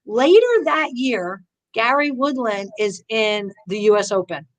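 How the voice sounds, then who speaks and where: A woman with a fairly high voice speaks a bit slowly, and the audio quality is poor. She's a golf teacher appearing as an interview guest, eagerly telling stories and voicing other people's words in lively tones. She often restarts sentences and says "you know" a lot in this conversational storytelling.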